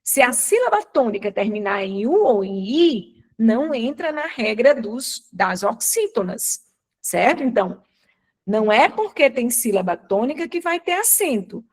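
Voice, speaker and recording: A woman's voice: a little high, very animated, measured pace, darkish tone. A woman teacher from Brazil giving a live online grammar lesson, asking questions and answering them herself. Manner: didactic, asks and answers her own questions.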